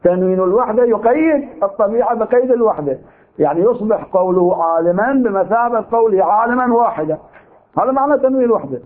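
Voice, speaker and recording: A man's voice: sits high, animated, quick pace. Man lecturing with an Iraqi accent, tinny sound. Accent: Iraqi Arabic. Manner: argumentative, poses rhetorical questions. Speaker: seminary teacher. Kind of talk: lecture on legal theory. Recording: tinny narrow-band recording.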